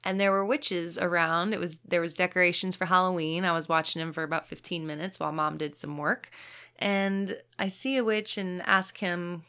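A woman's voice: lowish voice, steady tone, moderate pace, sharp tone, clear, resonant tone. A woman co-hosting a podcast, chatting casually and telling stories with frequent laughs. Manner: chatty storyteller, laughs often. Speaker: podcast co-host. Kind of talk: casual chat.

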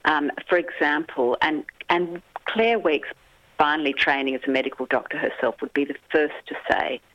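An interview guest recounts a story earnestly and vividly, pausing to gather thoughts. The audio is dull and lo-fi, dry with no room sound. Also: medium pitch, a bit bright, no echo. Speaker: guest author.

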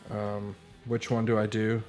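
A man's voice: lowish voice, completely flat delivery, unhurried, over music. A man chatting casually as a player in a tabletop role-playing game.

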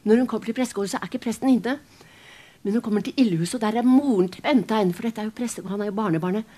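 Woman storyteller, casual and animated, dramatic retelling, mid-pitched voice. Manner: animated, dramatic, with restarts and fillers. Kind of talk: casual spoken retelling of a novel.

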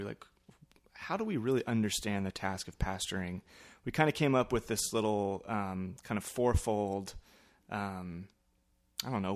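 A man with a slightly low voice hosts a podcast. He explains things casually, feeling his way through phrases in a halting, thoughtful manner. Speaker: podcast host, church pastor.

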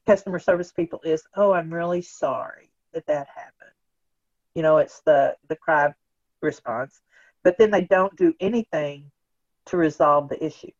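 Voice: mid-range voice, darkish tone, dry recording. A guest expert explaining ideas in an earnest, conversational way, often asking questions aloud and checking in with "right?". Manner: earnest, talks in questions and acted-out quotes, tags "right?". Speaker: guest expert on organizational change. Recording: dull, dry lo-fi recording.

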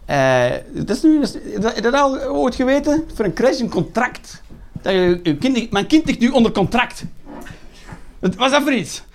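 A man's voice: very high voice, sing-song, moderate pace. A Flemish man in his thirties doing a sarcastic, swearing stand-up rant. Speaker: stand-up comedian.

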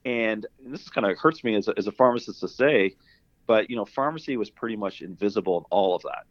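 Speaking a little fast in a fairly low voice, a middle-aged man with a Canadian accent, a university pharmacy dean and guest, rambles through interview answers with lots of "you know" and "kind of." There is no room sound, and the recording is dull and lo-fi.

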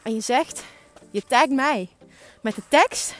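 A woman's voice: sits high, slow, a bit bright. A young woman giving an emphatic, urging motivational monologue as a podcast host, swearing for emphasis. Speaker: podcast host and business coach.

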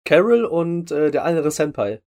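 Eager host with a somewhat high voice. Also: male voice, very animated, vocal fry, darkish tone. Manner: eager, quick to agree. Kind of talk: casual podcast chat.

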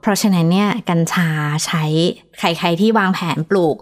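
A woman's voice: fairly low pitch, fairly even intonation, normal speed. A woman doctor explaining hair care as a podcast guest, in a lightly laughing, explanatory way. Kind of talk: podcast interview.

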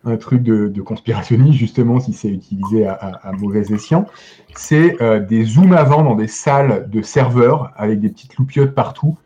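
A man chatting as a guest film critic on a podcast, enthusiastic but halting, with many restarts and fillers. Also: on the low side, mellow, highs cut off. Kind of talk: casual podcast discussion.

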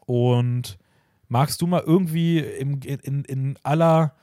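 A man's voice: mid-range voice, takes it slowly, mellow, dry recording, clean studio sound. A man from Austria, hosting a podcast in casual chat, rambling with many fillers and restarts. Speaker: podcast host.

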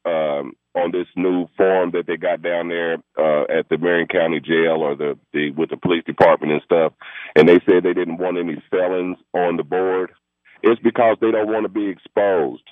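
A low-voiced man phones in to a radio show, arguing insistently and rambling at a normal speed with fairly even intonation. The dry recording has no echo and sounds tinny, like a telephone line.

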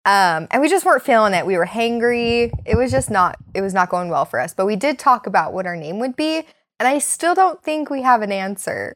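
A woman's voice: medium pitch, expressive, fairly quick, fairly bright tone. A young woman co-hosting a podcast in casual chat, with an informal, giggly manner. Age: young adult. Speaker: podcast co-host. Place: home basement.

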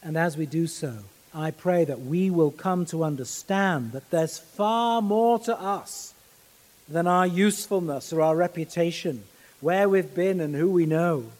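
A man delivers a sermon in an earnest, measured manner. His voice sits high and moves at an unhurried pace, with deliberate pauses. The sound carries the long reverb of a church hall. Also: a little mellow. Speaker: preacher.

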